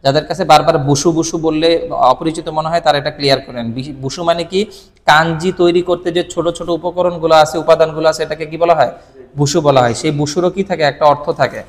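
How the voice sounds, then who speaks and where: A man's voice: fairly high pitch, fairly even intonation, fast, in a large hall. A man teaching Japanese in a casual tone, often posing questions and answering them himself, with frequent check-ins to the viewer. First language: Bengali. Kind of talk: casual explanatory lesson.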